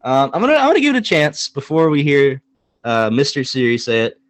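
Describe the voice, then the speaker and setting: A young man co-hosting a casual sports podcast, talking in an animated, joking way and hammering points with repetition. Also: a little high, fairly quick, no echo. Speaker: podcast co-host.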